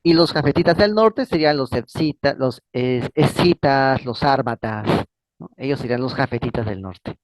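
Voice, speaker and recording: Man, channel host, casual history talk, rambling, repetitive, tag questions, mid pitch, dry sound. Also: moderate pace, dry recording. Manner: rambling, repeats words, ends phrases with "¿no?"; frequent fillers and restarts.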